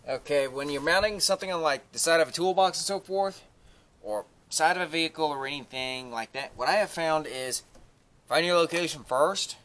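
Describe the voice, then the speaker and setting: On the high side and fairly bright, a man's voice moves at a moderate pace as he casually demonstrates an install for his DIY vlog. He's outdoors by a pickup truck, filmed by a camera a short distance away, and the audio is noisy with clicks.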